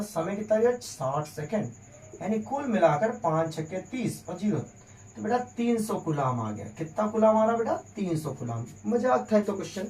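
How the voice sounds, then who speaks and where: A man's voice: sits high, darkish tone, echoey room, distant mic, slight background noise. A man teaching a physics lesson, solving problems step by step on the board and talking in a teasing, chatty way to his pupils. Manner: joking, teasing, chatty, addresses pupils as "beta".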